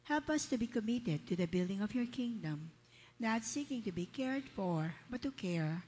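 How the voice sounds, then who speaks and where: Female church lector, Filipino accent. Formal, solemn, slightly rough-edged voice in deep cathedral reverb. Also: expressive, moderate pace, a little mellow. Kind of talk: formal read prayer and church announcement. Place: large church, through sound system. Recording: echoing church with long cathedral-like reverb, husky sound.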